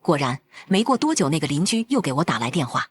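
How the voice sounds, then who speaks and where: A woman's voice: low voice, sing-song, quick pace, breathy edge, no room sound. A woman narrating a first-person drama in a cold, blunt and firm way.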